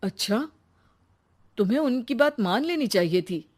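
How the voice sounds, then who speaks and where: A woman's voice: a little high, animated, normal speed, a little mellow. Woman voicing a hot-tempered young husband. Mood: plain.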